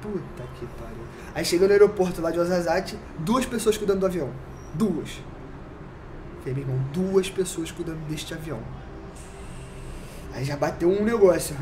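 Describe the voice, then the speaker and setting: A man with a Brazilian accent telling a story on a casual podcast, animated, full of slang and sound effects. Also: sits high, moderate pace, pauses often, noisy background. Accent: Brazilian Portuguese.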